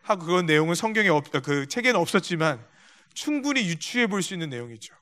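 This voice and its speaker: Bright, high-voiced pastor preaching. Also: male voice, sing-song, fast talker. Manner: storytelling with acted-out quotes; addresses the congregation directly. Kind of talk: sermon. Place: church sanctuary.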